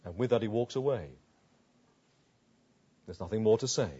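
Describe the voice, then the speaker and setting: Husky preacher, dramatic delivery. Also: male voice, fairly low pitch, moderate pace. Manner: dramatic storytelling, voicing quoted figures, swings from loud emphasis to soft asides. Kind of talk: expository sermon. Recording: dull lo-fi recording.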